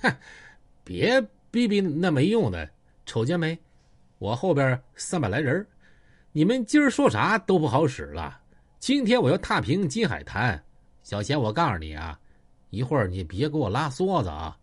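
A man's voice: mid-range voice, huge pitch swings, normal speed, slightly rough. A man voicing a boastful, coarse male gang boss, taunting his rivals. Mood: threatening.

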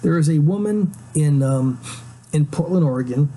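A man's voice: on the high side, lively intonation, moderate pace, dark tone, a little hiss or hum, low-quality recording. A man hosting a solo commentary show, rambling through opinions with many fillers and restarts and a sarcastic, scoffing tone. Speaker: podcast host.

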